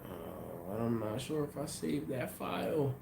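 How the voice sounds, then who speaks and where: There's a little hiss or hum behind this man's medium-pitched, creaky, darkish voice, which is very animated yet unhurried. Hosting a casual livestream, he reads viewer comments and chats in an easygoing, rambling way, sounding somewhat congested and sniffly. He thinks aloud, full of ums and restarts.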